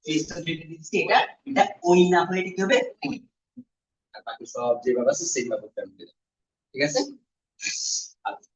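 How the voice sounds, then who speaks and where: Teacher drilling syllables in an echoey classroom. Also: male voice, fairly high pitch, big pitch swings. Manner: repeats syllables slowly for students to echo. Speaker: Korean language teacher. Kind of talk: classroom lesson. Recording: echoey room, distant muffled mic.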